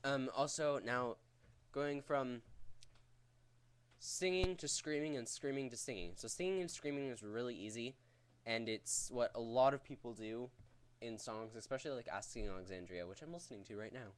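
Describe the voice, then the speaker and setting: A man's voice: mid-range voice, moderate pace, slight background noise. A man giving a casual, rambling vocal technique tutorial in a crude, jokey, profane way. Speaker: vocal tutorial host teaching screaming technique.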